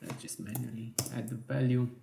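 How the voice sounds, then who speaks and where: A man teaching a software design tutorial in slow, step-by-step instructions with small self-corrections, his voice worn and going hoarse. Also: mid-range voice, reverberant, noisy background. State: losing his voice. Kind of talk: screen-recorded software tutorial.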